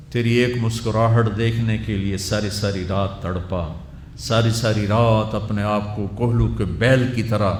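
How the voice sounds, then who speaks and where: Tearful, impassioned man preaching in an echoey room. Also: fairly low pitch. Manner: impassioned, rhetorical, speaks in a father's voice. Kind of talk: emotional sermon. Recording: echoey room, faint ambient noise.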